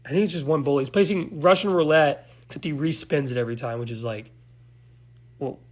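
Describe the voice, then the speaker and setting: A man's voice: on the high side, fairly quick. A man giving a loose, slangy, profane recap of a movie, now and then losing track of names. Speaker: movie reviewer.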